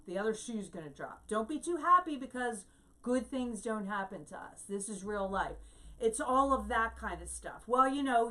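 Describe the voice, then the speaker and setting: A middle-aged woman gives a relaxed, conversational teaching and keeps checking in with her listeners. Her voice sits somewhat high. The recording sounds a little distant from the microphone. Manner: chatty, keeps asking "right?".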